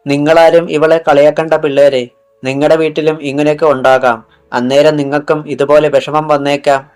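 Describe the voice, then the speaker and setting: A man's voice: on the high side, level tone, moderate pace, darkish tone, smooth, faint music behind, close to an everyday voice. A kind, loyal schoolgirl, read by a male narrator. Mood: reproachful. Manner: comforting, earnest.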